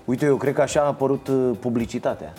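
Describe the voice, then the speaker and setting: A man's voice: medium pitch, over loud music. An older man hosting a podcast, telling loose, chatty stories with frequent casual interjections. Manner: loose storytelling, frequent "bă" and "frate". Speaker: podcast host. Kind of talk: casual chat.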